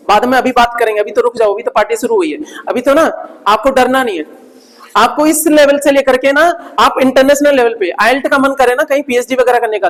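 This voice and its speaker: A man's voice: extremely high pitch, big-room sound, low-quality recording. A man teaching a live English class, drilling letter sounds over and over in a playful, teasing way. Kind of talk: live online grammar class.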